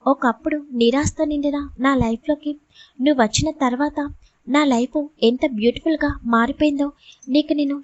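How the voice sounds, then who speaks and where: Teasing, soothing young husband for a storybook scene, read by a woman narrator in a high, dry voice. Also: dry recording, muffled recording, natural voice. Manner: playful, soothing. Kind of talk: audiobook character reading.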